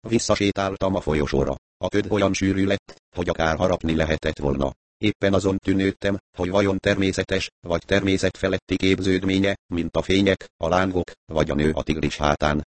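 Deep-voiced male audiobook narrator. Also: fairly even intonation, no echo. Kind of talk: scripted narration.

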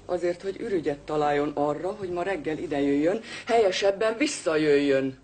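An actress dubbing a suspicious widow in a film, questioning others in a cold, accusing manner. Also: female voice, low-pitched, darkish tone, a little hiss or hum, close to an everyday voice. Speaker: dubbing actor. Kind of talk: dubbed film acting.

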